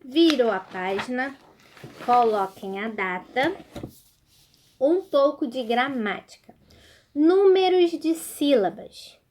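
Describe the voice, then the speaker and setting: Brazilian woman teacher, high voice, unhurried, remote school lesson. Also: animated, a little mellow, a little hiss or hum. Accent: Brazilian Portuguese. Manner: slow and clear, sounds out words syllable by syllable, checks in with the class.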